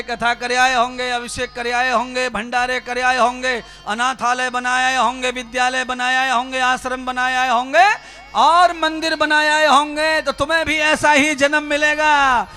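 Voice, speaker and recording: This man preaches with a very high, bright voice, and he speaks straight to his listeners. He drives his points home with rhythmic repeated phrases. Soft music plays behind him. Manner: exhorting, direct address to listeners, rhythmic repetition. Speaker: spiritual preacher. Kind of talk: sermon.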